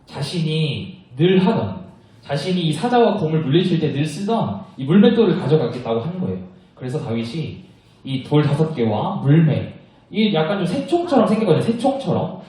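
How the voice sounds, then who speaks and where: A young man preaching to children, telling a Bible story in a lively way and asking the kids questions as he goes. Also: fairly high pitch, normal speed, far from the mic. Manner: animated, asks children questions. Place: church worship room. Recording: echoey room, voice from afar.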